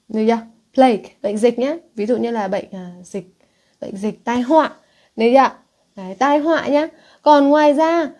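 A woman's voice: a little high, dark tone. A woman English teacher with a Northern Vietnamese accent, teaching an exam-prep lesson and reading English words aloud before explaining them, often asking students if they have followed.

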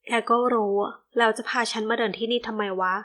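A woman reading the part of a grumpy, gruff young man who talks bluntly and complains a lot, in an audiobook. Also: on the high side, flat delivery, a little fast, a bit bright, natural voice. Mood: grumbling.

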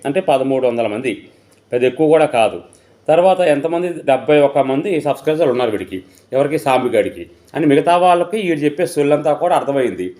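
A man's voice: fairly high pitch, dark tone. A man hosting a live online debate, mocking and insulting his opponents in a sneering, abusive tone. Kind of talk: mocking live-stream commentary.

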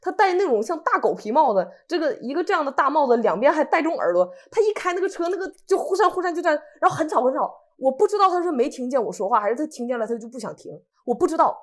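Fast-talking woman co-host from northeast china, kinda high voice, acts out the people in her story. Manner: animated, acts out what people said. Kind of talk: casual storytelling chat.

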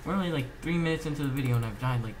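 This homemade gameplay recording carries clear background noise behind a gaming channel host's medium-pitched voice. Slightly ill, he comments casually in halting bursts, half talking to himself.

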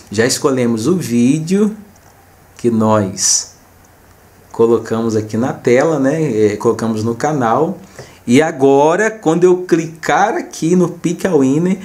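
A man with a Brazilian accent hosts a small gaming video channel, casually narrating a screen recording and talking informally to viewers, often repeating himself. His voice is mid-range and slightly mellow.

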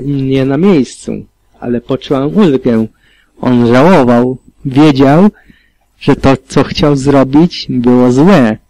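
Mężczyzna czytający audiobook, sucho. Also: male voice, mid-range voice, dark tone, no room sound, poor audio. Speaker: audiobook reader. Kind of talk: audiobook narration of fan fiction.

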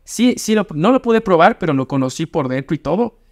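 A man's voice: a little high, expressive, a little fast. A young man, hosting a casual car review chat, emphatic and opinionated, often restarting his sentences. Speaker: car channel host. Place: small studio set with brick wall. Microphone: desk microphone.

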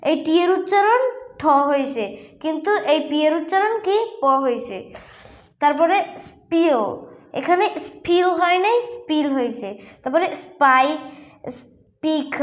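A woman's voice: sits high, fairly bright tone. A woman teaching English pronunciation, explaining in Bangla and repeating each example word twice. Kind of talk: classroom-style lesson, repeating words slowly.

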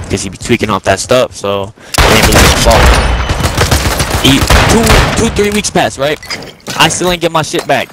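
A man's voice: mid-range voice, heavy background noise. A man in his twenties chatting casually while gaming, telling long rambling stories in heavy slang. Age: 20s. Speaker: gamer. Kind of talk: casual chat while playing. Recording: game sounds and gunfire behind the mic. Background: gunfire from the game.

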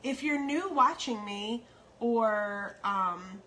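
With a slightly high, sharp-toned voice and lively intonation, a middle-aged American online host rambles unhurriedly while cooking in her home kitchen for viewers. The audio, from a phone propped nearby, is noisy with a sizzling pan and stirring.

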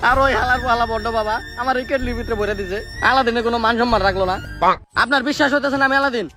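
Comedy sketch genie played by a man: very high, quick voice, Bangladeshi accent, whiny and boastful, down-at-heel grandeur, music underneath. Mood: sheepish. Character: shabby low-budget genie Aladdin, boastful and pleading.

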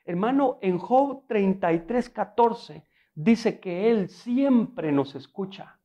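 Lively, dark-voiced man preaching. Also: sits high, slow, highs cut off. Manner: conversational preaching with frequent rhetorical questions; storytelling with humor. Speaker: pastor. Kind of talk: sermon.

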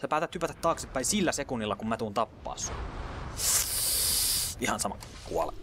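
A man talks over his gameplay in a casual, chatty stream of commentary. His voice sits at a middling pitch and now and then drops to muttered whispers, with English slang slipped in. A faint hiss of background noise runs beneath. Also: animated. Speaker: let's play gamer.

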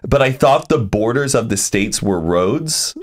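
A man with a mid-range voice shares a childhood memory on a casual podcast. He speaks haltingly, hunting for words with plenty of fillers, and breaks into laughter. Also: medium pitch, lively intonation. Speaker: podcast co-host. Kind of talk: casual chat.

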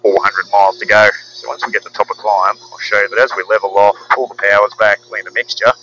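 A man, a pilot calmly explaining the autopilot from the cockpit over a headset. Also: on the low side, fast, dull audio, slight background noise. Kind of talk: cockpit walkthrough narration. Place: small aircraft cockpit in flight.

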